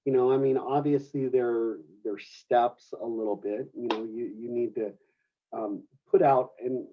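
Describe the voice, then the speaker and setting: A male instructor addresses a class in a classroom, stumbling and restarting often as he thinks aloud. His voice sits at an ordinary pitch, and the recording sounds a little muffled. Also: fairly even intonation, measured pace, a little hiss or hum. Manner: rambling, with many restarts and fillers. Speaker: culinary instructor. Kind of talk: classroom lecture.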